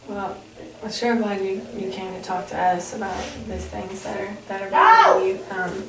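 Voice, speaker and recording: A woman speaking as a counselor in a conversational role-play, asking questions tentatively with pauses. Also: medium pitch, lively intonation, vocal fry. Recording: echoey, distant, crowd noise behind.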